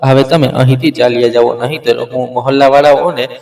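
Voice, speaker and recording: A man's voice: mid-range voice, fairly even intonation, a little fast, gravelly, a little mellow, natural voice. A man voicing a cold, bitter young wife. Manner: cold, clipped and cutting. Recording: roomy, distant mic.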